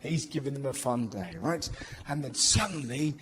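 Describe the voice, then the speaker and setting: A man's voice: medium pitch, moderate pace, a little hiss or hum. A man doing stand-up comedy on a large theatre stage, telling stories with energy and acting out voices, recorded live with audience laughter. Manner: energetic storytelling with acted-out voices.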